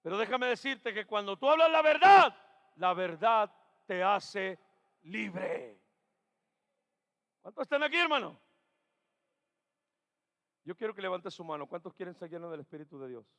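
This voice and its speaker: Man, pastor, high-pitched voice, preaching a sermon, hushed then shouting, repeats phrases, long church reverb. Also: animated, measured pace, gravelly, long pauses. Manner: swings from low murmurs to shouted exhortations; acts out doubting churchgoers' questions. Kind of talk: Pentecostal sermon. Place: church sanctuary.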